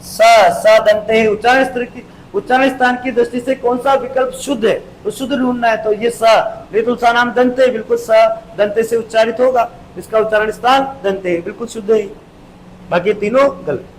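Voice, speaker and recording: A male teacher giving an exam-prep grammar lesson, explaining step by step, repeating key terms and drawing sounds out slowly. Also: very high voice, fairly even intonation, slight background noise, low-quality recording.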